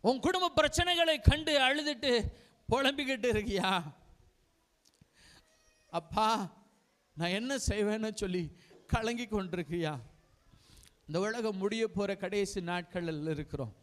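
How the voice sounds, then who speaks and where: A man's voice: sits high, unhurried, pauses often, a bit bright. A male pastor preaching a fervent sermon and leading prayer, pleading with listeners and repeating his appeals to God.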